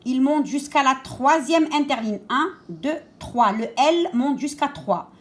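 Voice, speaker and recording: Slow, higher-voiced woman teacher. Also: animated. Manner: slow, deliberate, repeats each word twice and stresses sounds; gives step-by-step instructions to children. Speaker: schoolteacher. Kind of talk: remote lesson for young children.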